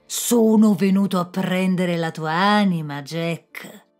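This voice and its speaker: A woman voicing a proud, menacing male devil who booms his threats in a storybook tale. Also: slow pace, a little mellow, faint music behind.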